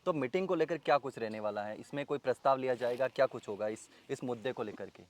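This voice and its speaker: A male reporter asks long, steady questions in an interview. His voice sits at an ordinary middle pitch, and he keeps his delivery even. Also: fast. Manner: steady questioning, frequent brief acknowledgments.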